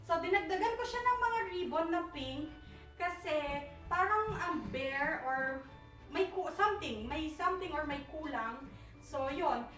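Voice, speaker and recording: A young woman gives a casual nighttime tour of her apartment for her vlog, animated yet measured in pace, her high-pitched voice a bit bright. She rambles and searches for words, switching into English at times. Recorded from a distance, the off-mic sound echoes, with faint music in the background.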